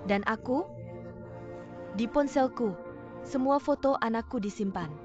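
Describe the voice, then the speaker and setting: A fast-talking, nagging mother who clings to her son, as a woman dubs her in a dubbed drama. The voice sits fairly high. Music plays clearly behind her. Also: lo-fi sound, close to an everyday voice. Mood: wistful. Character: overbearing middle-aged mother, doting on her son. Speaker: dub actress.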